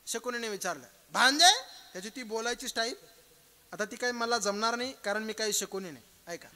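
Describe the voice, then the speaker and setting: A man's voice: sits high, fast talker. A male kirtan preacher telling a devotional story, talking straight to the audience and acting out the characters as he goes. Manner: lively, acts out characters in the story; addresses the audience directly.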